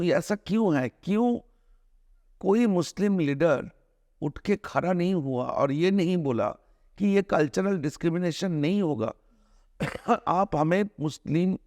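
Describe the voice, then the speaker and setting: A middle-aged man from India, a film director giving an interview, arguing his points earnestly with many restarts and drawn-out hesitations. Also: on the high side, darkish tone, no echo, clean studio sound. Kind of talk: conversational interview, mixing Hindi and English.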